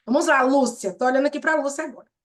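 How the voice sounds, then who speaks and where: A woman's voice: sits high, very fast, echoey room. A woman leading an online therapy group session, chatty and talking to the group directly, acting out sample dialogues. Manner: chatty and warm-hearted, addresses the group often as "gente", acts out example dialogues. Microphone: video call.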